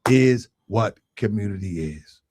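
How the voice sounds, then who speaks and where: A middle-aged man talking as a guest in a casual conversation, telling stories in a relaxed way and laughing easily. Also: on the low side, a little slow, no echo, studio quality.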